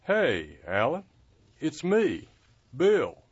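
In a full character voice, a man plays a blind male caretaker, a gentle, wry, folksy and patient nurse to wounded soldiers, in an earnest audio drama performance. His voice is fairly high, husky and extremely slow, with huge pitch swings. The recording is dry, muffled and lo-fi.

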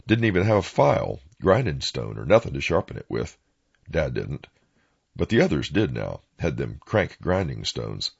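A slightly dull, lo-fi recording of a man with an Appalachian accent. His voice is low and gravelly, with a raspy grain. He tells folksy first-person stories in plain-spoken country dialect. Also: very animated, normal speed. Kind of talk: folksy first-person oral-history storytelling.

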